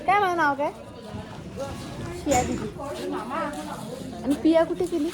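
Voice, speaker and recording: A woman's voice: extremely high pitch, a little slow. A woman with a playful, teasing, sing-song way of talking at a wedding party. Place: outdoors at a loud wedding party. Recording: loud music and crowd behind.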